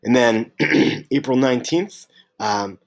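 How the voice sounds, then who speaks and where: A man's voice: medium pitch, vocal fry. Man teaching a lesson, unwell, hesitant. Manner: halting, many fillers and restarts. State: unwell, clearing throat and coughing. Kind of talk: recorded history lesson.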